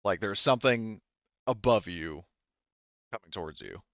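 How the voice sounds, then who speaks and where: Acting as game master for a tabletop roleplaying game, a man with a low, smooth voice explains things haltingly, correcting himself as he goes. He's expressive and a bit bright, and the recording is dry and slightly dull.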